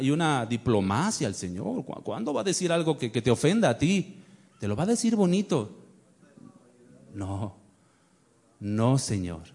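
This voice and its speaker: A man's voice: high voice, a little mellow. A male pastor preaching a sermon, emphatic and full of rhetorical questions to the congregation.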